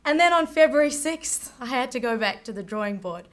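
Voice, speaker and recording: A woman's voice: on the high side, lively intonation, a little fast. Upbeat young South African woman presenting. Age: young adult. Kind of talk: live pitch presentation. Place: event stage before an audience.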